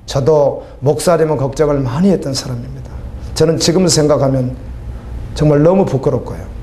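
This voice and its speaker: A man's voice: a little high, brisk, warm tone. A middle-aged man preaching a sermon as a pastor, emphatic, with rising exclamations and rhetorical questions. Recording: faint background noise.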